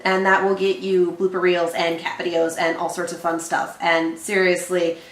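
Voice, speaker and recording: A woman co-hosting a reaction show, chatting casually and thinking out loud with quick asides. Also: lowish voice, monotone, reverberant. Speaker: reaction channel co-host. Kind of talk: casual chat.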